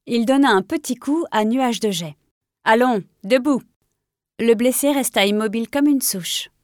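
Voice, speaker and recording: A woman's voice: on the high side, moderate pace, no echo, clean studio sound. Woman narrating an audiobook. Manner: clear, expressive reading.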